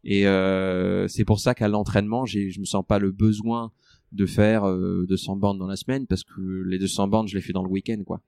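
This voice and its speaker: A man in a relaxed interview, talking through his running training with many fillers and restarts. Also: low-pitched, moderate pace, creaky, clean tone, dry recording, studio quality. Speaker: ultra-trail runner guest. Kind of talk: conversational interview.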